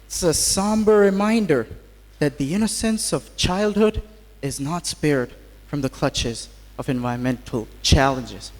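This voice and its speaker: Male student orator for a podium speech: high voice, formal and theatrical, reverberant hall sound. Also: measured pace. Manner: formal, theatrical oratory with wry rhetorical asides. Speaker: student speaker at a school assembly. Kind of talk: podium speech, scripted and rhetorical. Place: large hall at a school assembly. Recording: echoey hall with long reverb.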